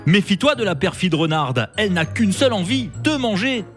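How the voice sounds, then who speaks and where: A woman's voice: medium pitch, lively intonation, moderate pace, soft background music, close to an everyday voice. A woman voicing a sensible, protective male cat who scolds his foolish friend. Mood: warning. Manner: scolding, warning.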